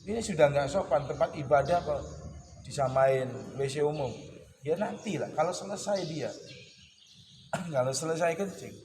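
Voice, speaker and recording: A man teaching a casual weekly religious study session, joking and teasing his listeners and clearing his throat often. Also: on the high side, moderate pace, noisy background. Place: boarding school study hall. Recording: echoey hall with clear birdsong and ambience.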